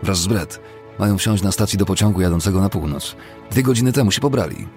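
A man's voice: deep voice, fast talker, darkish tone, faint music behind, lightly acted. Charles, a cold, curt young man, read by a man. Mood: stern.

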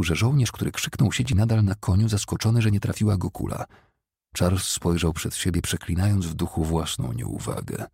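Low, gravelly male audiobook narrator. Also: a little mellow, dry recording, studio quality. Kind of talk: scripted novel narration.

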